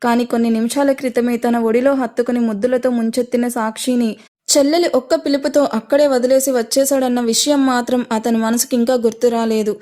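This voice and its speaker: Brief: woman narrator for audio drama, mellow, somewhat high voice. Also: steady tone, fairly quick. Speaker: storyteller. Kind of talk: scripted audio story narration.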